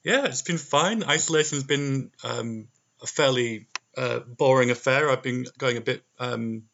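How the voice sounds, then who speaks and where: A man's voice: mid-range voice, a little slow, fairly bright tone, slight background noise. A man co-hosting a casual podcast from home, speaking hesitantly with many fillers, his voice tinny from a laptop microphone. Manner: hesitant, full of "um" and "like". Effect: tinny laptop-mic sound. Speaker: podcast co-host. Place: home during isolation. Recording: dull lo-fi laptop recording.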